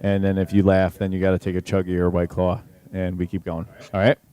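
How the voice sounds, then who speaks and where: Chill young guy hosting a podcast, low mellow voice, says dude a lot. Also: monotone, brisk, clear, resonant tone. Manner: laid-back, lots of "like" and "dude". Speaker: podcast co-host. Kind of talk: casual chat.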